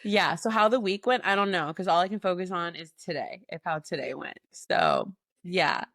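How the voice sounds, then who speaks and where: A woman's voice: fairly low pitch, moderate pace, no room sound, studio quality. A young woman co-hosting a casual podcast, telling a long story with lots of "like" and "literally". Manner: animated storytelling, frequent "like" and "literally". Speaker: podcast co-host. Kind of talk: casual chat.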